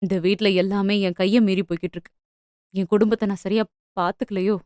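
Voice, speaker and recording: A woman voicing a stern, worn-out middle-aged father who speaks low and heavily in an audio novel. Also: a little fast, no echo, studio quality, natural voice. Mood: weary. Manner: low, heavy, muttering.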